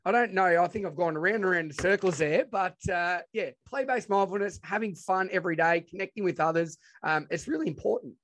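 A podcast guest who works as an educator and presenter tells stories in a casual interview, chatting informally and enthusiastically in a broad Australian accent. His voice is high and fairly bright, a little fast with few pauses.

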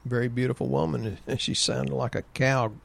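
A man's voice: medium pitch, little pitch movement, normal speed, vocal fry. A man casually talking about health in a folksy, joking, rambling way. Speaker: health practitioner co-host.

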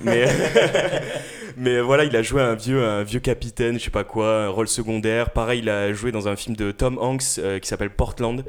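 Lowish-voiced young man, halting chat. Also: fairly even intonation, smooth. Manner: halting, with many filler sounds and restarts. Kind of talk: casual chat.

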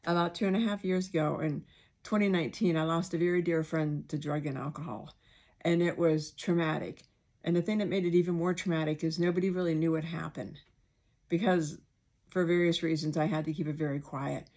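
Woman podcaster with soft R's and S's. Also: deep voice, fairly even intonation, brisk. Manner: candid, rambling, acts out quoted remarks. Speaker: podcast host. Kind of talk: informal personal monologue.

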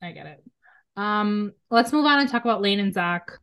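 A woman's voice: mid-range voice, expressive, moderate pace, a bit bright, clean tone. A woman hosting a podcast in casual chat, talking loosely with lots of "um" and "like" and frequent laughter. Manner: chatty, laughs often, many fillers like "um" and "like". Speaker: podcast host.

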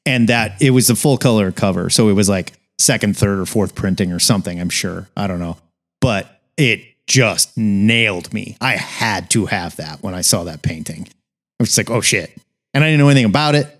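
An American man in his forties co-hosts a podcast reviewing comics, chatting casually in an emphatic, informal way. His pitch is fairly low and he talks at a normal speed.

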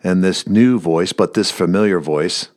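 Low-voiced man giving a reflective talk. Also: a little slow, a little mellow. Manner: reflective, repeats words for emphasis. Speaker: speaker teaching on scripture. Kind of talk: sermon-style talk.

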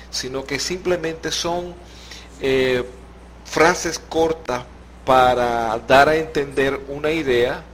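A Venezuelan podcast host with a fairly high, slightly bright voice chats slowly and patiently, speaking with a Venezuelan Spanish accent. He explains meanings step by step with examples, laughs easily, and a faint noise lies under the recording.

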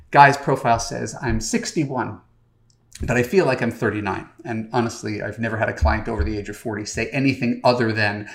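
Gravelly-voiced man hosting a podcast. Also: mid-range voice. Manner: conversational, direct address with frequent fillers. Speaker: dating coach and podcast host. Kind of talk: podcast monologue.

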